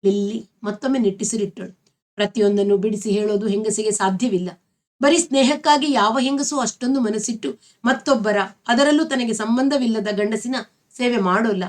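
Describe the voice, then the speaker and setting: A woman with a Kannada accent reading a novel aloud as a storyteller, in a steady, expressive way. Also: a little high, brisk.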